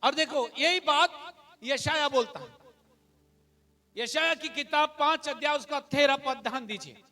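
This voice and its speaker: A man preaching a sermon as pastor, mixing in English phrases, building to shouted emphasis and calling out hallelujah. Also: very high-pitched, measured pace.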